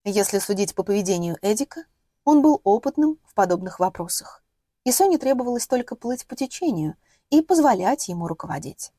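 A woman narrates a novel in a steady, measured storytelling voice. Her tone is mellow and warm, and the recording is close and dry with no room sound. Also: medium pitch, no room sound. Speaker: audiobook narrator. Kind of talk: scripted narration.

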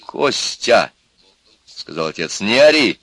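A man's voice: lowish voice, big pitch swings, slow, fairly bright tone, no room sound, voice pushed up, heavily acted. A man reading the part of a stern father who speaks firmly and raises his voice. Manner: stern, firm.

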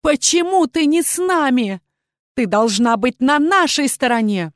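A woman's voice: a little high, lively intonation, measured pace, no echo, studio quality, pitched above the performer's own voice. A woman voicing a scheming, cruel dragon queen in an audiobook, gloating and shrieking her commands. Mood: furious. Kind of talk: audiobook character reading.

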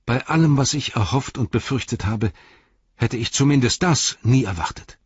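A man voicing a gentle, merciful young hobbit who speaks earnestly, in a dry, slightly dull recording. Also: mid-range voice, expressive, normal speed, slightly rough, no room sound, pitched above the performer's own voice. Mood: troubled.

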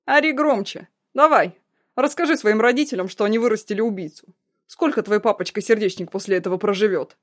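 A woman voicing a cruel young man, a blackmailing ex-fiancé, in a loud, mocking, threatening way. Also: medium pitch, quick pace, close to an everyday voice. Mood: menacing.

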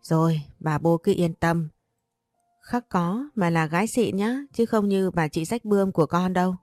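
A woman reads a cheeky young son in a storybook, brash and offhand. The voice is lowish and quick, recorded close and dry with faint music. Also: darkish tone, dry recording, close to an everyday voice. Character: cocky lazy young man, careless son.

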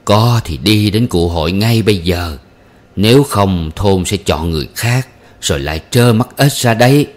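A man voicing a sharp-tongued, sarcastic older mother in a storybook reading, mocking and scolding. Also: on the low side, animated, moderate pace, natural voice.

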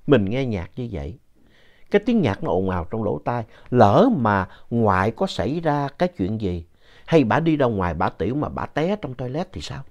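A man narrating a ghost story in a conversational, lively way with asides to the listener. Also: medium pitch, moderate pace. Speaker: story reader. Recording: dull lo-fi sound.

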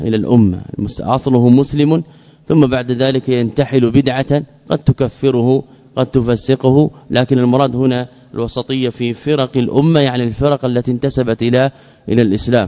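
A man teaching an Islamic creed text as a lesson, measured, often repeating key phrases and asking questions he then answers himself. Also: medium pitch, warm tone. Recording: dull lo-fi recording with long reverb.

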